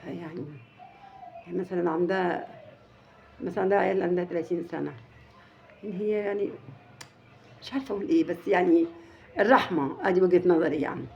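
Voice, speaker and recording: Egyptian woman vlogger, quiet natural voice, gravelly and dark, halting storyteller, dull lo-fi recording. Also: on the low side, fairly even intonation, a little hiss or hum. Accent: Egyptian Arabic. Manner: halting, many restarts. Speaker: family channel vlogger. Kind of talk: casual storytelling to viewers.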